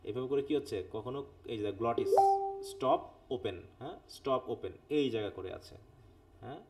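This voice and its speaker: A man's voice: medium pitch, over music. A male teacher whose first language is Bengali, leading a live phonetics lesson, explaining step by step and checking in with his students. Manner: reads English text aloud slowly. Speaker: English teacher. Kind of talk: live online class lecture.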